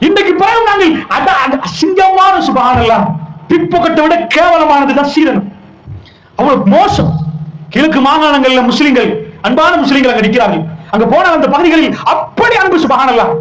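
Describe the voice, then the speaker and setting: A man's voice: very high voice, fairly bright tone, reverberant, rough recording. A man preaching an Islamic sermon, fervent and emotional, firing rhetorical questions at the congregation.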